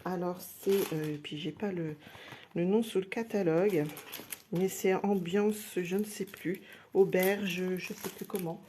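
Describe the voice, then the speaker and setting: Chatty woman unboxing crafts with a mellow voice. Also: on the low side, steady tone, measured pace, slight background noise. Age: adult with a day job. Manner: chatty, thinking aloud with many hesitations. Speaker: craft product seller. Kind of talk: casual live unboxing.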